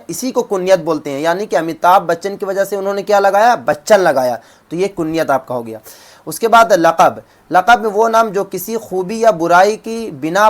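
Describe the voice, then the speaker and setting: A man giving an exam-prep Urdu grammar lesson, asking questions and answering them himself, repeating each definition slowly. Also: high voice. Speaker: Urdu teacher.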